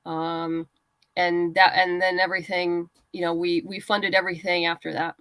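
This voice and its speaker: Her voice is on the low side, flat and fairly bright, moving at a normal speed as she appears as a guest comic creator and writer giving hands-on crowdfunding advice in a casual interview. The recording has no room sound.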